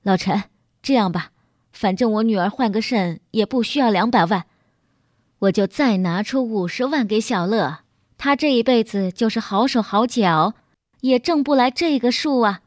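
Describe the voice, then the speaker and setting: A woman voicing a worried older man in a storybook reading, speaking softly and haltingly with stammers. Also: on the high side, dry recording, studio quality, natural voice. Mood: pleading.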